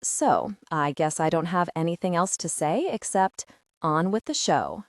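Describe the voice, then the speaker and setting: A woman's voice: lowish voice, animated, a little slow, dry recording, studio quality. A woman voicing a cruel male vampire raider king who taunts with false friendliness. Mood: taunting.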